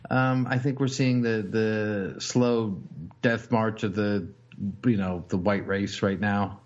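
A man's voice: fairly low pitch, steady tone, slow pace, highs cut off. A young adult man hosting a podcast in casual chat, rambling and cursing with lots of fillers. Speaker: podcast host.

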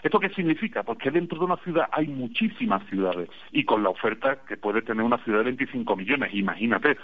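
Andalusian man calling in to radio, chatty wry storyteller, thin phone-line sound, mid pitch. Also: lively intonation, fast. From Spain. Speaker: radio guest calling in from abroad. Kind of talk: casual radio chat.

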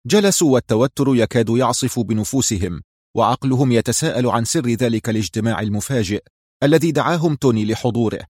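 A man narrating a spy thriller audiobook in a steady storytelling manner. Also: mid-range voice, fast talker, breathy edge, no room sound, clean studio sound. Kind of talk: scripted narration.

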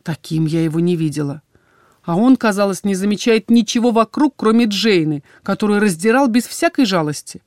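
A woman reading a first-person fantasy audiobook with expressive, dramatic storytelling. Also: mid-range voice, a little fast, no room sound, studio quality. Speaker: audiobook narrator.

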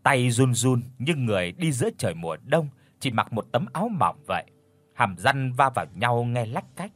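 A man's voice: mid-range voice, very animated, fairly bright tone, no echo. Man narrating a horror audiobook dramatically. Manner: dramatic storytelling with tense pauses. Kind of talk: scripted horror story narration.

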